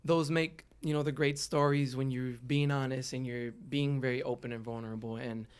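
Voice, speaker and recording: This young man's delivery is flat and his tone clean, pitched in the middle and moving at a moderate pace. He's a podcast guest from the LA area with a Southern California accent, recounting his own life openly and informally, slang and all, in a relaxed interview.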